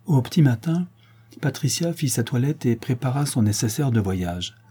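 A man narrating an audiobook in a steady, measured reading voice. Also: mid-range voice, husky.

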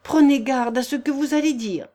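Reading aloud, a woman voices a tormented, passionate young man who leads wolves, erupting in intense, anguished outbursts. Her voice sits high with a dark tone at a moderate pace, pitched above her natural voice but close to an everyday one.

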